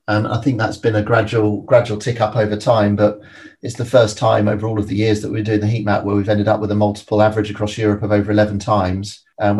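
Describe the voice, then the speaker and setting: Low, flat-toned man answering interview questions. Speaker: private equity expert guest.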